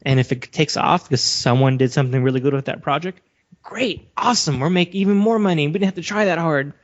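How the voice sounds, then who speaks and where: Fast-talking with a fairly high voice, this man co-hosts a podcast and steers the talk, asserting his views casually but emphatically. He comes from a Western country. The audio quality is dull and lo-fi.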